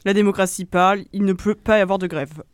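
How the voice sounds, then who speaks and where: Une jeune femme, co-animatrice d'une émission de radio, qui explique un sujet en hésitant souvent. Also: female voice, medium pitch, steady tone, fast talker, no room sound, clean studio sound. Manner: hesitant, many fillers. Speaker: co-host. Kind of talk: radio show presentation.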